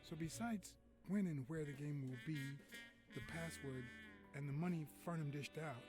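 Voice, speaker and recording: An actor voicing a male cat detective in a video game, narrating his thoughts in a dry, wry noir manner, with soft music under it. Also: fairly high pitch, normal speed, close to an everyday voice. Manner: dry, wry inner monologue.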